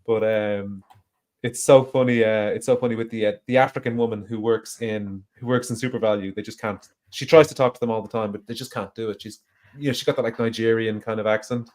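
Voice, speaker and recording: A man's voice: lowish voice, steady tone, fairly quick, darkish tone. A middle-aged man with a North County Dublin Irish accent, co-hosting a podcast in an easygoing, hesitant way. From Ireland. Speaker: podcast co-host reading chat. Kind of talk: casual chat.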